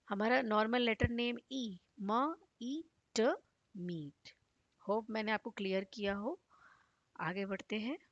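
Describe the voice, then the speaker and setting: A woman teaching a slow, patient phonics lesson, sounding out each letter before she blends it into a word. Her voice sits at a middling pitch. The recording is dry and slightly dull, with little room sound. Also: dry recording. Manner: sounds out letters one by one, then blends them into words.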